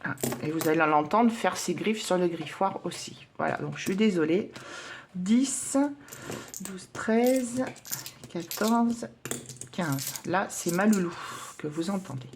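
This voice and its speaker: A woman's voice: lowish voice, slow, a little hiss or hum. A woman vlogger at home, chatting casually and hesitantly with many fillers while counting coins for her budget challenges.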